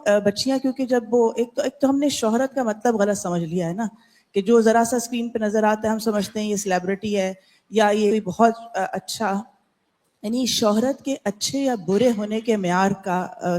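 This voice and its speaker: A woman's voice: mid-range voice, warm tone. Woman, class participant, critical earnest commentary, long room echo. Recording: echoey room.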